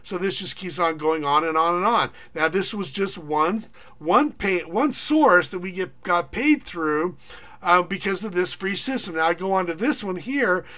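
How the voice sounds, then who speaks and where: A middle-aged man who markets and teaches online income speaks in a high, bright, expressive voice during a casual screen-recorded money-making pitch. Rambling and filler-heavy, he keeps saying "uh" and restarting, then reads long lists of payment figures off quickly.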